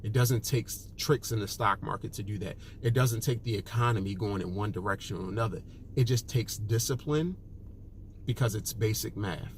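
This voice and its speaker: A man's voice: lowish voice, normal speed. Guy hosting a money advice talk, keeps saying okay and look, hammers the main point, a little background hiss. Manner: emphatic, repeats key points, peppers speech with "okay" and "look". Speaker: personal finance author and host. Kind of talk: direct-to-camera advice talk.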